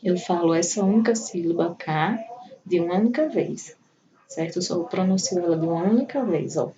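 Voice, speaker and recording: A woman's voice: lowish voice, animated, brisk, mellow. Patient woman teacher, slightly distant mic. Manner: patient, explaining with examples. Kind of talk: primary school lesson explaining to children. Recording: voice a bit far from the mic, faint room noise.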